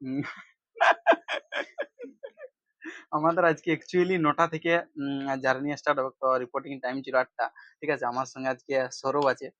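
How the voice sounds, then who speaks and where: A man's voice: medium pitch, steady tone, fast talker, fairly bright tone, no room sound, dull audio. A young man narrating a casual travel vlog aboard a ferry, guiding viewers along with lots of fillers. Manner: chatty, guiding, frequent fillers. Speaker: vlogger.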